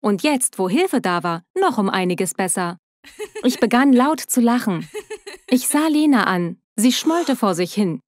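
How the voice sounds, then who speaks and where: A young woman tells a dramatic first-person story with emotive scripted delivery. Her voice sits slightly high. The recording is close and dry. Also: lively intonation, measured pace, dry recording.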